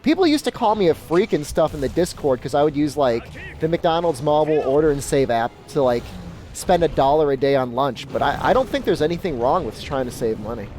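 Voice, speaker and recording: During casual gaming commentary, a man from Mexico or of Mexican heritage answers chat questions informally. He speaks a little fast with lively intonation in a darkish voice on the high side, with soft music in the background.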